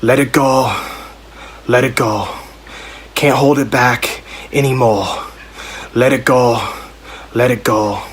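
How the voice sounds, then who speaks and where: A grim, brooding northern swordsman speaks through a voice filter, with a man putting on the voice. He recites slowly and gravely in an even register. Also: mid-range voice, a little hiss or hum. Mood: solemn.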